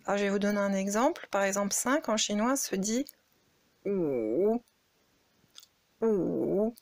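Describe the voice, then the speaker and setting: A woman gives a slow, explanatory lesson, calling out example syllables. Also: medium pitch, no room sound. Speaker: Chinese language teacher. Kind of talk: spoken lesson demonstrating tones.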